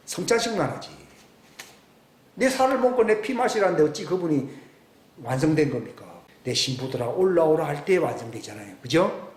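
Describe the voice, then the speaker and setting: A man, preaching a sermon as pastor, swinging between loud emphatic questions and hushed, near-whispered asides. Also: fairly high pitch. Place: church sanctuary. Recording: echoey church room with faint background hiss.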